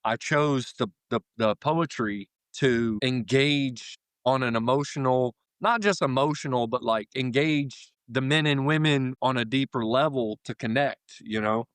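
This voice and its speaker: Chatting informally and wandering from point to point, this Floridian carpenter in his thirties sits in as an interview guest, speaking with an American accent. He's medium-pitched, smooth and a bit bright, talking a little slowly with few pauses. The recording is dry.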